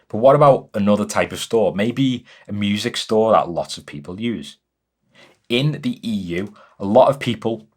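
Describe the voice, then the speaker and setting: A man's voice: on the low side, slightly rough. A young man giving an upbeat, chatty explainer to camera from his home music studio. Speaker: music business educator. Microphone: camera-mounted mic.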